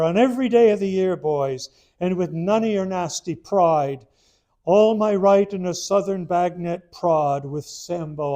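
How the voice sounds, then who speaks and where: A man reading verse aloud in the voice of a boisterous Irish immigrant soldier, with a put-on Irish brogue and a loud, rollicking ballad delivery. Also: high-pitched, voice pushed up.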